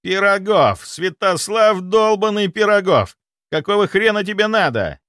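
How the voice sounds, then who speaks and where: A man voicing a brash, rude necromancer who barks his lines loud and high. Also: animated, drawn-out words, no room sound, studio quality, exaggerated voice. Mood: furious. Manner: barking, rude. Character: brash angry male necromancer boss.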